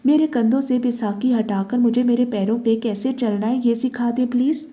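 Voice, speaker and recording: Woman reading a steady, worn-out young heroine, calm and firm, mellow tone. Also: a little high, lightly acted. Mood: calm resolve. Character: composed weary young woman seeking therapy.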